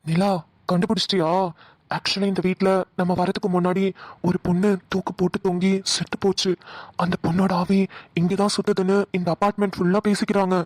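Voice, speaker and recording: A woman's voice: high voice, animated, normal speed, no room sound. A woman voicing a young cartoon husband who likes to tease and tell spooky stories. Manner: playful teasing, mock spooky storytelling. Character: young husband, teasing prankster. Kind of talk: cartoon voice dubbing.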